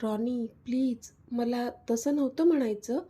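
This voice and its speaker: A woman's voice: high voice, normal speed, mellow. A woman voicing a pouting, tearful young woman in a storybook love story. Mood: pleading. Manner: pouting, pleading.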